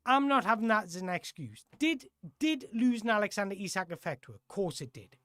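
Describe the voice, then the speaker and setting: A football host on a live stream, talking things through in a loose, chatty way and often backing up to rephrase mid-sentence. The voice sits at an ordinary middle pitch. The sound is close and dry, with no room echo. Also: sing-song, brisk, fairly bright tone. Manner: rambling, self-correcting, chatty. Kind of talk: casual live-stream chat answering viewer questions.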